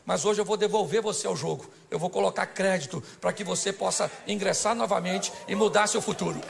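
A pastor with a high-sitting, gravelly voice and a brisk delivery preaches a humorous sermon to a church congregation. He is extroverted, cracks jokes, and acts out voices.

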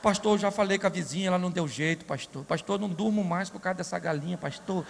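A man's voice: high-pitched, quick pace, gravelly, pitched below the performer's own voice. A man voicing a fretful church sister who pleads with her pastor in a whiny voice, repeating herself, in a reverberant hall. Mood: pleading.

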